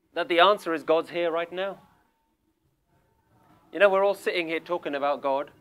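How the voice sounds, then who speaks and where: A man's voice: a little high, a bit bright, clear, resonant tone. A male spiritual teacher giving an emphatic, questioning talk to a group seated in a room. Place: room with a small audience.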